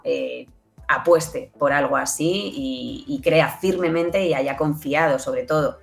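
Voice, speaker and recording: Speaking with a Spanish accent, this woman is an audio fiction producer appearing as an interview guest. Her voice is low and gravelly, and she explains things in a conversational way, frequently checking in with short tag questions.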